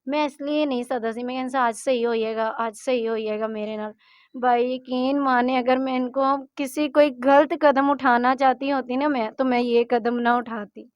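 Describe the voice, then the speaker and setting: A woman's voice: high-pitched, steady tone, clear, resonant tone, dry recording. A woman, a mother pleading in a distressed way as she tells her story. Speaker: interviewee, mother. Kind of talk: emotional personal account. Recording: dull, muffled dry recording.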